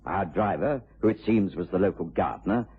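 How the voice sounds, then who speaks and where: An actor playing an amiable, articulate British gentleman doctor, acting and narrating in a period radio drama. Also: sits low, expressive, background noise. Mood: reminiscing. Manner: measured, articulate, genteel. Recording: tinny vintage radio broadcast, faint music.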